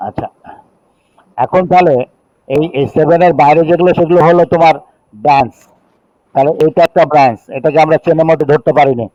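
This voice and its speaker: A middle-aged man from Bangladesh with a Bangladeshi accent gives a classroom chemistry lecture. He reads rules slowly in English, then explains them in Bengali and counts chain carbons aloud. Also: a little high, steady tone, dark tone, no echo. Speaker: chemistry teacher. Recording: dull, dry lo-fi recording.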